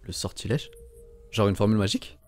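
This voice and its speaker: A man's voice: on the low side, fairly quick, crowd noise, lightly acted. A man playing a friendly, flustered, talkative young male superhero in amateur film dubbing. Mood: bewildered, earnest.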